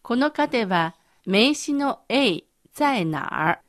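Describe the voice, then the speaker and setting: A woman co-hosting a radio language lesson as the student, reading slowly and clearly. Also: a little high, lively intonation, no echo, studio quality. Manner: slow, clear model reading. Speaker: co-host student.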